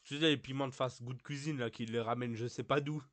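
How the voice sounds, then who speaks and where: A man's voice: mid-range voice, fairly even intonation. A man chatting casually and joking with a streamer during a game session. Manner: loud, fast, joking. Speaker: friend of the streamer. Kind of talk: casual chat.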